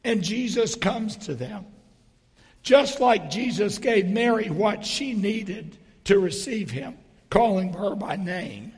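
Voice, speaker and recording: A middle-aged or older man giving a sermon in a hoarse stage whisper, his voice almost gone, speaking deliberately with pauses between phrases. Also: sits high, expressive. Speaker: preacher. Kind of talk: sermon with storytelling and dry humour. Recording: reverberant hall.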